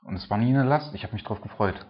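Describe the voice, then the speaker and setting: Low-voiced man preaching casually. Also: fast, muffled recording. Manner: informal, tags nearly every sentence with a questioning "ne?". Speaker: preacher and church planter.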